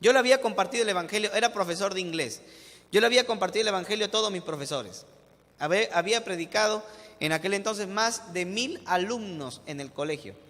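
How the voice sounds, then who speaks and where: A young Peruvian man in his twenties preaches from the pulpit, telling stories in a lively way. His voice sits high and rings bright and forceful. The sound rolls out in a long church reverb. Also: a little fast. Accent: Peruvian Spanish. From Peru. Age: 20s. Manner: animated storytelling preacher, addresses listeners as "hermano". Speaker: pastor. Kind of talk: sermon.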